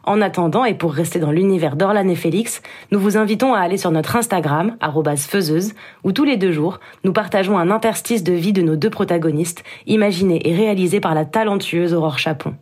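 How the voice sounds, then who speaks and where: A woman calmly reading the credits of a podcast. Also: on the low side, fairly quick, breathy edge. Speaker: podcast announcer. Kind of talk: scripted credits narration.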